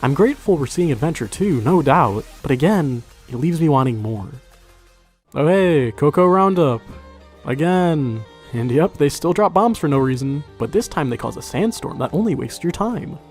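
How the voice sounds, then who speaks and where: A man's voice: a little high, expressive, normal speed, darkish tone, slightly rough, soft background music. A man reviewing a video game in casual, conversational scripted narration, with wry, sarcastic asides.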